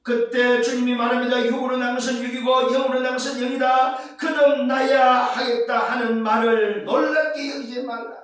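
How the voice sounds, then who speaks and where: A male pastor preaching a sermon, asking rhetorical questions, repeating his points and rising to shouts at the climaxes. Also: extremely high pitch, flat delivery, normal speed, hardly any pauses. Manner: rhetorical questions and emphatic repetition. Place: church sanctuary. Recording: very echoey church sanctuary, distant mic.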